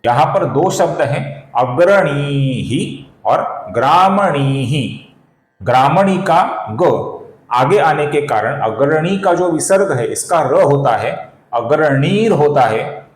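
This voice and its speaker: A man leads a slow, deliberate lesson on pronouncing chanted verses, breaking each sound down patiently. His voice sits a little on the high side. The recording carries a noticeable room echo. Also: expressive. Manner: slow and deliberate, explains pronunciation step by step; chants verses slowly and drawn out. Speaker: Sanskrit recitation teacher.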